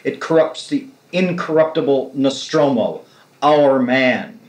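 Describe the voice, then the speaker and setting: Unhurried and medium-pitched with lively intonation, a man converses with an author, drifting through extended, reflective remarks about novels. The old 1969 tape places him in an echoey room.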